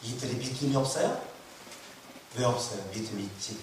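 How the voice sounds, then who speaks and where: Speaking a little fast in a mid-range voice, a pastor uses emphatic repetition and rhetorical questions on his congregation during a sermon. Background noise is present, and the church hall sounds echoey, recorded from a distance.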